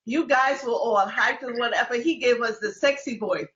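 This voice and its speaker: Bright high-voiced woman hosting a chat show, teasing and playful, echoey lo-fi sound. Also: moderate pace. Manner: playful, teasing, laughs often. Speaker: host. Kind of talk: casual talk show chat. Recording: lo-fi, roomy sound.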